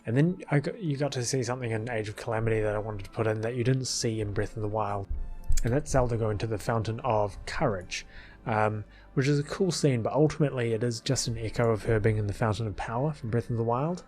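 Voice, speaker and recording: Soft music plays under a quick-paced man whose mid-range voice is a little mellow. He's the creator of a fan film edit, explaining it through loose, hesitant, off-the-cuff commentary.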